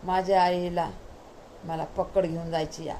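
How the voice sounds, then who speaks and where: A devoted boy who goes hungry to bring his mother a gift, as a storyteller woman voices him. His words come earnest and firm, in a low, mellow voice with a faint hum behind. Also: level tone, a little slow, lightly acted, poor audio. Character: devoted, self-denying young son.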